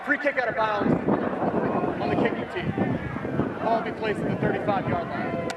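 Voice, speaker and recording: Male football referee, formal penalty announcements, high voice, distant and under loud crowd noise. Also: moderate pace, echoey room. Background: crowd and outdoor ambient noise.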